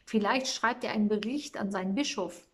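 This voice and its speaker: A woman voicing a gentle, wise male angel who calmly explains things to the travellers. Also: medium pitch, a little fast, slightly rough, lightly acted.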